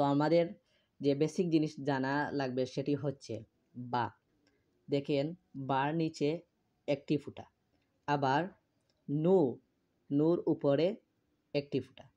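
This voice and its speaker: A man teaching Arabic letters in a slow, patient step-by-step lesson, repeating each letter with small fillers. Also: a little high, dark tone. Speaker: Quran reading teacher. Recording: dull lo-fi recording.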